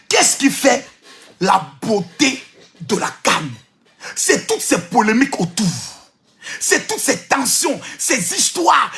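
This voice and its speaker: A man with an Ivorian French accent giving an animated, provocative monologue, teasing and repeating himself and often breaking into shouts. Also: extremely high pitch. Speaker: social media commentator.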